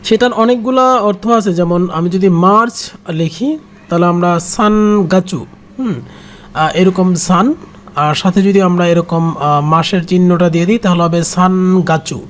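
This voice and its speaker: A Japanese language teacher giving a kanji writing lesson, talking slowly and repeating each word with frequent hesitant pauses. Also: mid-range voice, a little hiss or hum.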